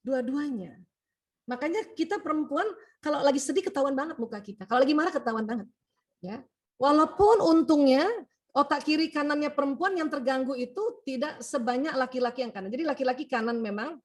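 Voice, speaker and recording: A middle-aged woman doctor giving a lively talk on emotions and family, animated and chatty, often tagging phrases with "ya" and acting out bits of dialogue. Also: high voice. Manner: animated, acts out quoted dialogue, laughs often; frequent "ya" tag at phrase ends.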